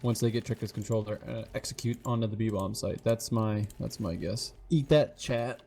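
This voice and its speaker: A man's voice: on the low side, normal speed, creaky, warm tone, a little hiss or hum. A man giving chatty color commentary on an esports match, laughing and making confident predictions. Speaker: esports analyst caster.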